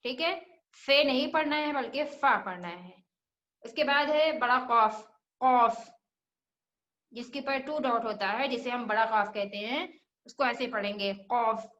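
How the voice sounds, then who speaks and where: A woman's voice: a little high, unhurried, fairly bright tone, roomy sound, highs cut off. A woman teaching children Quran recitation, patiently repeating each letter sound and asking questions as she goes. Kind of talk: religious lesson for children.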